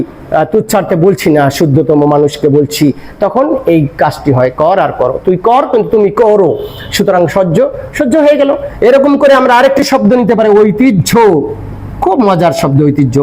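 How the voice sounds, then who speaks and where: High-voiced man teaching grammar. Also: a little mellow, poor audio. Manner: asks and answers his own questions. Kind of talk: explanatory lecture.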